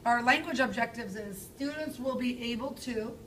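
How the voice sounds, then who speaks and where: A woman in her thirties teaches a language lesson to a class, her voice fairly high and her key words given strong stress. She is picked up by a camera across an echoey classroom. A steady hum of room noise sits behind her. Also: normal speed, far from the mic. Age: 30s. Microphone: far camera.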